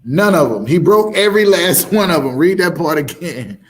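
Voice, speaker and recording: A man's voice: a little high, expressive, normal speed. A man teaching as a street preacher, emphatic and full of rhetorical questions, with laughing asides.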